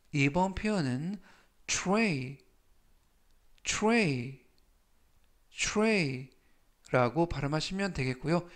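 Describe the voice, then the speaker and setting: A man with a Korean accent teaching English vocabulary, saying each word slowly and stretching it out to model its pronunciation. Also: fairly high pitch. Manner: slow, careful delivery that stretches English words when modeling pronunciation. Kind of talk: scripted vocabulary lesson.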